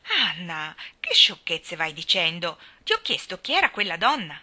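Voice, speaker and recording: A woman's voice: lowish voice, very animated, normal speed, sharp tone, full character voice. A woman reading aloud, voicing a stern, practical older woman who speaks in a dry, impatient way.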